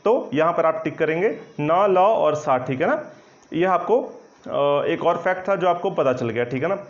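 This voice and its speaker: Speaking a little high, expressively and without hurry, a man teaches Hindi grammar online for exam preparation. He explains with patience and checks often that his students keep up; the audio is slightly dull and lo-fi.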